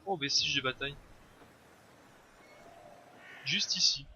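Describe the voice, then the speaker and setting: A man's voice: mid-range voice, takes it slowly, pushed and bright. A man casually commenting on his strategy game as he plays, thinking aloud with frequent hesitations. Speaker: let's play host. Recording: slightly dull lo-fi sound, faint noise.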